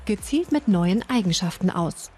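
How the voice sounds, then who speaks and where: A woman narrating a scripted news report in a measured, even way. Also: medium pitch, soft background music.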